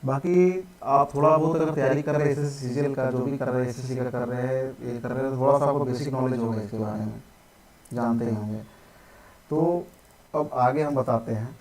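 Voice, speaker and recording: A young adult man teaches a live online maths lesson at a middle pitch. He walks through each step slowly, repeats himself for beginners and keeps checking in with his students. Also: fairly even intonation, a little mellow, rough recording. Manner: patient, repeats steps, says "ठीक है" often.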